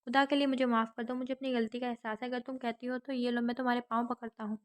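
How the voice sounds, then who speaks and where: A woman's voice: a little high, flat delivery, natural voice. A woman voicing a remorseful young man who begs forgiveness in a pleading, broken way.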